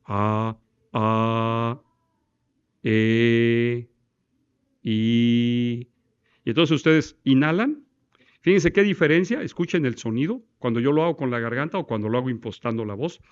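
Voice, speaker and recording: Teaching breathing and diction, this Mexican man, a law course instructor, demonstrates exercises, fires questions at the class, and recites verse in one breath. He talks fast in an animated, high-leaning voice, and the audio loses its high frequencies.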